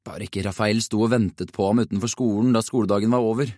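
A man narrating a children's storybook in an even, measured reading. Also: on the low side, dry recording, studio quality. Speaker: audiobook narrator.

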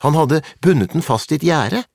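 A man doing a high, indignant little girl. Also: expressive, gravelly, a little mellow, dry recording, studio quality. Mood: earnest. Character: brave angry young village girl.

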